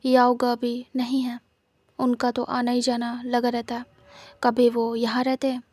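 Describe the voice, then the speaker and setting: A woman voicing a gentle, reassuring young husband who comforts his partner. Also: a little high, monotone, a little slow, no echo. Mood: calm. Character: calm, loving young husband, soothing.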